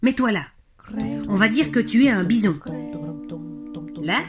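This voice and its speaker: Petit hamster fougueux et surexcité, joué par une femme. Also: female voice, on the high side, unhurried. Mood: excited. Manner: excited, bold and shouting. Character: eager little male hamster who dreams of being a cowboy. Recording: music playing behind.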